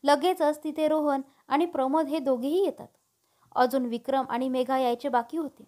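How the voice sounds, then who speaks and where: High-voiced woman storyteller. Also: fairly even intonation, normal speed, mellow. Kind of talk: storybook narration.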